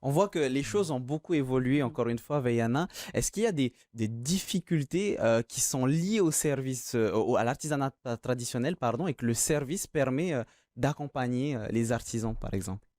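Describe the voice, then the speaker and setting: A man's voice: medium pitch, expressive, normal speed, a little mellow, no echo. A man hosting a studio interview, asking questions in a conversational way with some fillers. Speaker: TV host.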